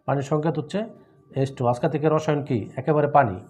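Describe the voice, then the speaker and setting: A man with a mellow, dark-toned voice teaches chemistry. He walks through each point one step at a time, posing questions and answering them himself. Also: fairly high pitch, fairly even intonation, fast talker. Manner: explains step by step with rhetorical questions. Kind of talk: classroom-style lesson with memory tricks.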